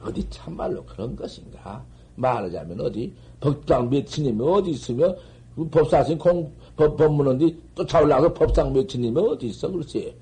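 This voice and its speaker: An older man giving a Buddhist dharma lecture on koans, scolding and animated, swinging from loud outbursts to murmurs, on an old 1970s tape. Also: on the high side, brisk, low-quality recording. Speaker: Zen master giving a dharma talk.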